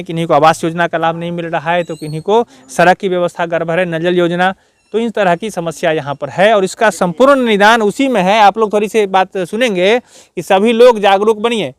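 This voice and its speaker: A man's voice: high voice, smooth, dry recording. A man reporting from a village gathering, questioning people and earnestly urging them to be aware of their rights. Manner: earnest, lecturing, urges civic awareness. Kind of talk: field interview.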